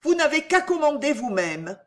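A woman reading the part of an anxious young woman, speaking high and urgent, in a pleading way. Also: very animated, normal speed, fairly bright tone. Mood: distressed.

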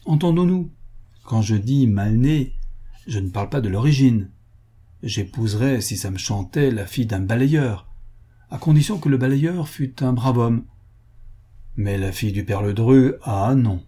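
A man's voice: medium pitch, unhurried, dark tone, husky. A man voicing an impertinent young duke who talks with a slight whistling hiss.

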